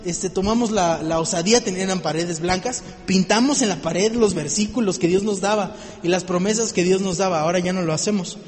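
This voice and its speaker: High-pitched guy giving a sermon, acts out bits, lots of reverb like a big hall. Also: fairly quick, hardly any pauses, soft background music. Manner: lively, joking, acts out little scenes. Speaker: preacher.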